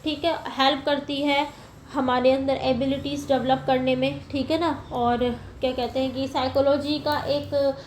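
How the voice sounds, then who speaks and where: High-voiced woman teaching in an echoey room. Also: flat delivery, measured pace, a little hiss or hum. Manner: explains step by step, often asking "ठीक है ना". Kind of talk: lecture to teacher-training students.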